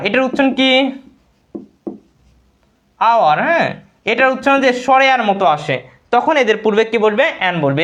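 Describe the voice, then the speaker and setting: A man's voice: extremely high pitch, fairly bright tone. A man with a Bangladeshi Bengali accent teaching English grammar in a live online class, repeating words and answering his own questions.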